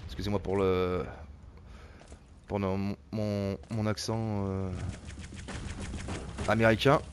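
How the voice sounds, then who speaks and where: A man's voice: on the low side, little pitch movement, slow, noisy background. A man giving casual gameplay commentary as he walks viewers through an online shooter, hesitant and full of fillers and repeated words. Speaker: gameplay tutorial narrator.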